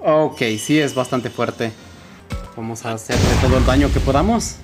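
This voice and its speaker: Casual gaming man over loud music. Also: medium pitch, normal speed. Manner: casual and chatty, signs off informally. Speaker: let's play host. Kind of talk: gameplay commentary, reading dialogue aloud. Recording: loud game music underneath.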